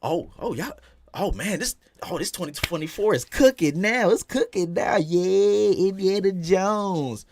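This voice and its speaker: A man hosting a casual podcast, swinging between loud exclaims and low mutters. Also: animated, normal speed, vocal fry. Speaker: podcast host.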